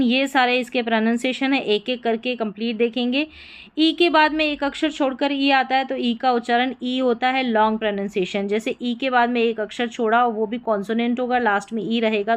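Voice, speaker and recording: A woman teaching English pronunciation rules, slowly drilling word after word. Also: on the high side, clean tone. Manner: slow, patient word-by-word drilling. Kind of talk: explanatory lesson.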